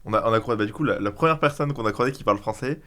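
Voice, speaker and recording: A man's voice: medium pitch, very fast, fairly bright tone. A man with a French accent, co-hosting a casual podcast chat, matter-of-fact with short agreeing replies. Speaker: podcast co-host. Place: podcast studio.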